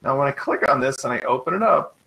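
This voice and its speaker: A man hosting a live web tutorial, talking fast and eagerly in an informal sales manner while demonstrating software. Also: medium pitch, animated, vocal fry, poor audio. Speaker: webinar host.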